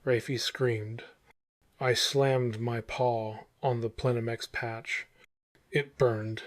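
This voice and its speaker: A man's voice: medium pitch, steady tone, drawn-out words, no echo. A man narrating a scripted horror story in the manner of a vintage horror narrator, in short, suspenseful phrases.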